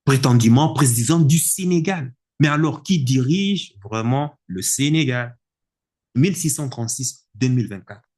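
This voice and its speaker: A man delivering an indignant political opinion monologue, emphatic and repetitive, with a husky voice. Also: medium pitch, animated, normal speed, a little mellow. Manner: indignant, emphatic, repeats words for effect. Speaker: political commentator.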